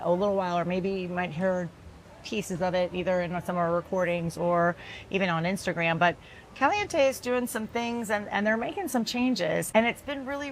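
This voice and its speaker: Woman co-host, easy chatty delivery, slight roughness in the voice, light outdoor hum behind. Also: fairly low pitch. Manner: chatty, laughs often, rambling restarts. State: slightly rough voice after a long weekend. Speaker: podcast co-host. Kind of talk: casual chat. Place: outdoor veranda at a resort.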